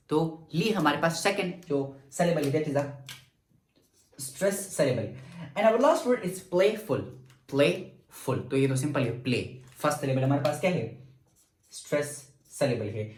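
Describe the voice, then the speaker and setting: Male teacher, animated pitch, drawn-out word drills, roomy echo. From Pakistan. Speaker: English teacher. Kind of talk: grammar lecture mixing Urdu and English. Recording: echoey room.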